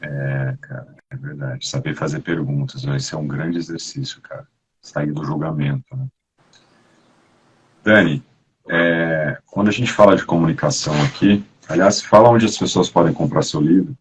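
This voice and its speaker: A man talks as a guest in a relaxed, chatty way, often dropping casual fillers. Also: a bass voice, moderate pace, breathy edge, low-quality recording. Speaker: guest actor. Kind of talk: casual conversation.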